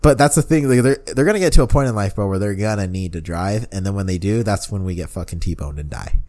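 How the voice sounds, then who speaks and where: A man's voice: fairly low pitch, quick pace, a little mellow. A young American man in casual chat, talking like a frat bro in loose slang with plenty of swearing. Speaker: podcast co-host.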